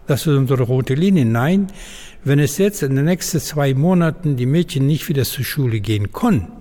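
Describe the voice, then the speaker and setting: Older Afghan man, earnest and halting. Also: medium pitch, warm tone. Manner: earnest, halting German with many fillers. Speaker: former diplomat, interviewee. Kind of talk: interview testimony. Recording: long hall reverb.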